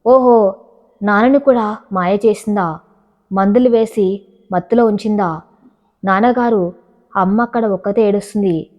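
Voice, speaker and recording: A woman's voice: unhurried, long pauses, darkish tone, lightly acted. Woman voicing a hot-tempered greedy sister. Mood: accusing. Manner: shrill accusing outbursts. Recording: dull lo-fi recording.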